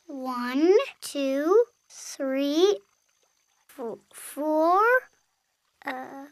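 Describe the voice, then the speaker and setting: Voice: sits high, very slow, darkish tone, no echo, full character voice. A child performer voicing a small, earnest, worried young kangaroo in a children's cartoon, speaking hesitantly. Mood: hopeful. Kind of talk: animated children's cartoon acting. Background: background music.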